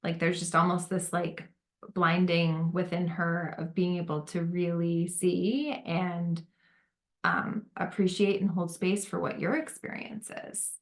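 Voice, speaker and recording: Soft-spoken woman leading a group. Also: fairly low pitch, steady tone, unhurried. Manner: gentle, validating, many fillers. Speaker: workshop facilitator. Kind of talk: facilitating a group discussion.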